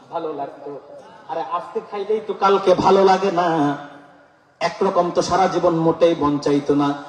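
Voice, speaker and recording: A man with a Cumilla Bengali accent, a preacher giving a playful sermon to a gathering and often calling on the crowd to answer. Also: sits high. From Cumilla, Bangladesh. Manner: playful, keeps quizzing the crowd for replies. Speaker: Islamic preacher. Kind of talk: humorous sermon at a religious gathering. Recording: echoey hall, preacher far from the mic.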